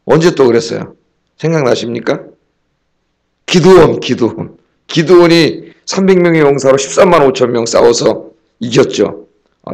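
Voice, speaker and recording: A male pastor giving a conversational dawn-service sermon, often asking the congregation questions and acting out quoted speech. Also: fairly high pitch. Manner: conversational preaching, acts out quoted lines with raised angry voice; asks the congregation questions, tag words like "ye?" and "eo?".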